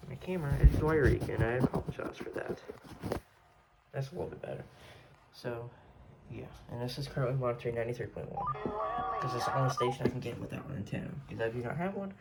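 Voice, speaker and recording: Heavy background noise surrounds this man's mid-range voice as he gives a loose, off-the-cuff tour of his collection. He wanders between points and stumbles while fixing his own mistakes.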